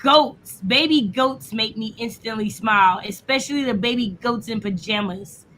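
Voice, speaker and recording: A woman hosting a relaxed crochet livestream, upbeat and chatty as she reads out viewer comments. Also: fairly high pitch, moderate pace, slight background noise, rough recording. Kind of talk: casual chat.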